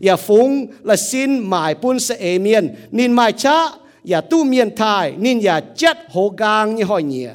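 A man's voice: sits high, big pitch swings, slow pace, few pauses. A man preaching a sermon as pastor, with a rising and falling delivery.

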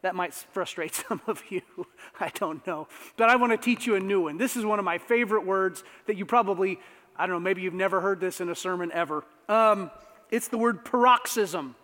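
High-voiced pastor preaching in a reverberant hall. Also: male voice, brisk. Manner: animated, conversational preaching with asides and laughs. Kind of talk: sermon. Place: church sanctuary. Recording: long reverb of a church hall.

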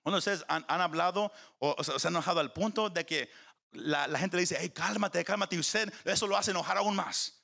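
A man's voice: high voice, fairly quick, creaky, sharp tone. A man preaching a sermon to his congregation, climbing in emphasis, often stumbling over repeated words and putting questions to the listeners. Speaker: pastor.

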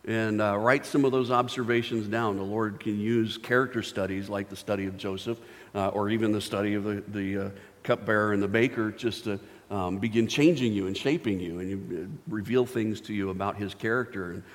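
Casual preacher in a reverberant hall. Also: male voice, lowish voice, fairly even intonation, brisk. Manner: casual storytelling with playful voiced asides and many fillers. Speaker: pastor. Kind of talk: sermon.

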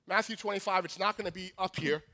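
A man's voice: high-pitched, steady tone, fast talker, bright, forceful tone. A man preaching a storytelling sermon in an emphatic, conversational way, often repeating words. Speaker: pastor.

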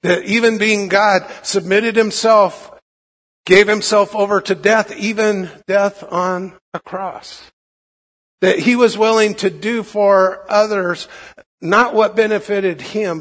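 A man with a fairly high, gravelly voice, hoarse as if under the weather, preaches a sermon. He speaks informally and haltingly, doubling back on his words. The sound carries a long hall reverb. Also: fairly even intonation, fairly bright tone. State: hoarse from being unwell. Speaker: pastor preaching to a congregation.

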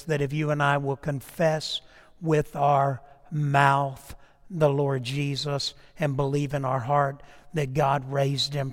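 A man preaching a sermon in a conversational storytelling way, swinging between raised emphasis and quiet asides. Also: fairly high pitch, in a large hall. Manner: conversational storytelling preaching, rising and dropping to a hush.

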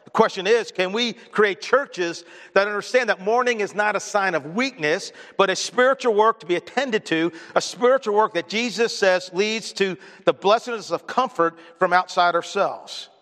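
A male pastor preaching a sermon with earnest conviction, his voice swelling loud on key points and dropping soft on lines about grief. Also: high-pitched, moderate pace, few pauses, big-room sound. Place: church sanctuary.

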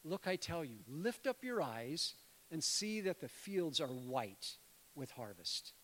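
Middle-aged male preacher, high voice, conversational sermon, long church reverb. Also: big pitch swings, slow, fairly bright tone. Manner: conversational, addresses congregation as friends. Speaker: guest preacher, missionary. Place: church sanctuary.

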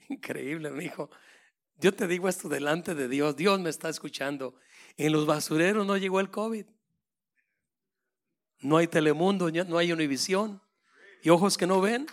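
A man preaching a sermon with passion, swinging between loud proclaiming and hushed, intimate asides. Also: fairly high pitch, moderate pace, pauses often.

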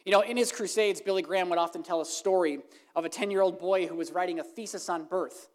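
A woman preaching an evangelistic sermon, earnest, swinging from emphatic lines to hushed, soft ones. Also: fairly low pitch, fast.

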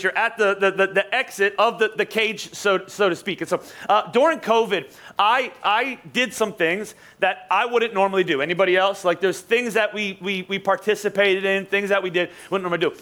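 A young male pastor with a sharp, high-sitting voice tells a joking, sarcastic story mid-sermon in a church sanctuary. He restarts often and throws in asides to the congregation.

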